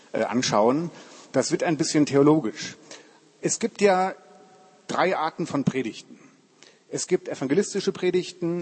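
A man delivers a relaxed, chatty sermon as a guest preacher, slipping in jokes and calling things cool. His voice is husky and mid-pitched. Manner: chatty, informal, joking, says "cool" often. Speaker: Bible college lecturer and guest preacher.

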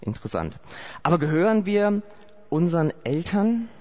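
A man's voice: high voice, big pitch swings, normal speed, a little mellow. A man from Saarland preaching a sermon, telling the story vividly and asking repeated rhetorical questions, in a dull lo-fi recording. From Saarland, Germany.

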